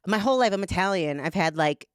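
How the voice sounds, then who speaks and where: Speaking fast and animatedly in a smooth voice on the low side, a woman podcast guest is frank and foul-mouthed, peppering her talk with "like." The studio-quality recording has no echo, and the conversation is casual and candid.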